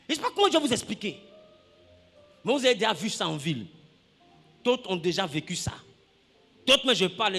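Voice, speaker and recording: High, bright-voiced animated man preaching. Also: big-room sound. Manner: animated, acts out scenes, shouts and laughs with the congregation. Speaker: pastor. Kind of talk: lively sermon.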